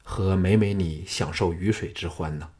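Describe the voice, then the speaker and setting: A male narrator voicing a calm young male hero who speaks softly and reassuringly. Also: lowish voice, brisk, breathy edge. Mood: gentle.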